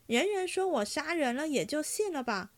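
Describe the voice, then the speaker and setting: A woman voicing a rash, hot-headed young nobleman who shouts in fast, angry bursts. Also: high voice, very animated, voice pushed up. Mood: indignant.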